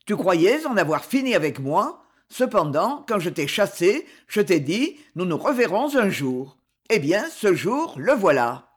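A man's voice: high-pitched, sing-song, husky, full character voice. A woman reader voicing a cruel, sarcastic aristocratic count who speaks coldly and with menace. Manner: cold, sneering, measured.

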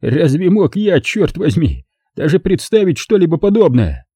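A man's voice: a little high, very animated, moderate pace, dark tone, slightly rough, no echo, studio quality, pitched above the performer's own voice. A male audiobook reader voicing a drunk, bitter man who slurs and sneers sarcastically. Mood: sneering. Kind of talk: audiobook character voice.

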